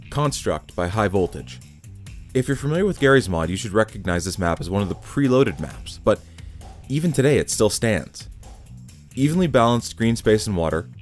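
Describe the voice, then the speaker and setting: A man hosting a gaming video, reading a scripted top ten countdown in a casual, wry way with offhand swearing and asides. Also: fairly low pitch.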